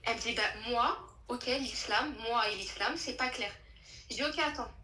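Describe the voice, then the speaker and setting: A young woman telling a true story in a casual chat, animated and slangy, with many restarts. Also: fairly high pitch, moderate pace, reverberant, rough recording.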